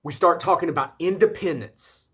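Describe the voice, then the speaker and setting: Relaxed male instructor on a video call. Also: a little high, normal speed, slightly rough. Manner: relaxed, repeats "okay?" to check in. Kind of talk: online class lecture. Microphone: computer mic on a video call.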